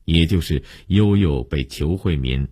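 Male storyteller, serialized story, extremely deep voice, husky, dry close sound. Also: no echo. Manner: steady, measured storytelling.

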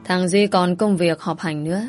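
A woman reading a fussy old mother-in-law, grumbling and disapproving, lowish voice, story telling. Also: fairly even intonation, moderate pace, soft background music, lightly acted.

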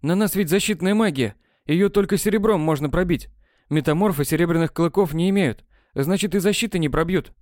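A man reading an audiobook, voicing a dazed, soft-hearted teenage schoolboy who pleads earnestly. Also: on the high side, brisk, no echo, clean studio sound, pitched above the performer's own voice, lightly acted.

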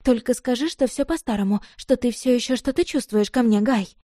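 Woman putting on a shrill jealous young woman. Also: expressive, moderate pace, warm tone, no echo, clean studio sound. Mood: heated, pleading. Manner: shrill, pleading then furious.

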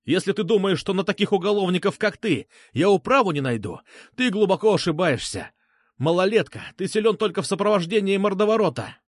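A man doing a shrill blustering male bully. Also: lively intonation, a little fast, dry recording, clean studio sound. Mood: blustering threats. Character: arrogant whiny male blogger, blustering bully. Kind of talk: audiobook character voice.

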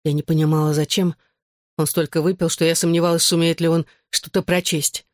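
Female audiobook narrator, measured tense first-person reading, dry close sound. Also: low voice, little pitch movement, dry recording.

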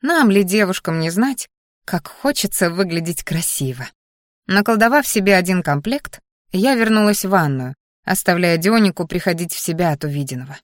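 A woman narrating a first-person fantasy audiobook in a lively, wry storytelling manner. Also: lowish voice, normal speed, no room sound. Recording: dry close audiobook recording.

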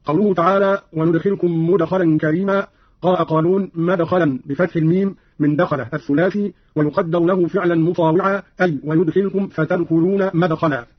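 A man presenting a radio program, reading a formal scripted explanation and demonstrating recitation in a measured way. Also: high-pitched, steady tone, husky, no room sound. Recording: dry, dull lo-fi radio recording.

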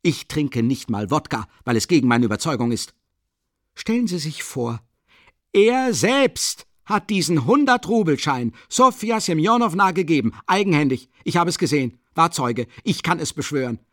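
A man's voice: on the high side, animated, normal speed, hardly any pauses, fairly bright tone, dry recording, studio quality, voice pushed up. A man reading an audiobook, voicing an earnest young male idealist who shrilly and vehemently accuses someone, repeating himself. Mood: furious.

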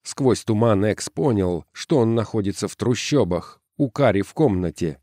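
Male audiobook narrator, lowish voice, dry booth sound, measured. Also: no echo. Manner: steady, measured storytelling. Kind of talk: scripted narration.

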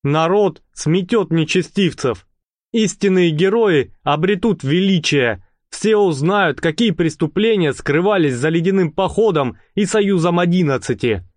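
A man's voice: sits high, expressive, unhurried, no room sound, clean studio sound, pitched above the performer's own voice. A man voicing a pompous, hot-tempered male gang leader who lectures and snaps at his followers. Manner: speechifying then snapping. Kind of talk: audiobook character voice.

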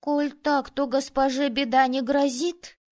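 Storybook kid: woman playing a fretful, insistent boy, raised pitch. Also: flat delivery, measured pace. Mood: worried. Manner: worried, insistent. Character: anxious village boy who believes in ghosts.

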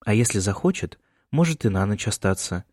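A man's voice: lowish voice, expressive, brisk, darkish tone, husky, dry recording, clean studio sound. A male narrator voicing a worried middle-aged mother who keeps fussing over her son in an audiobook. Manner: anxious, insistent and fussing.

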